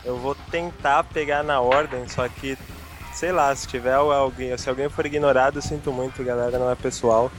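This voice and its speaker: A man with a Brazilian accent hosting a casual podcast, reading out listener questions in a relaxed, self-mocking way. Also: mid-range voice, normal speed, music in the background. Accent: Brazilian Portuguese. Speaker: podcast host.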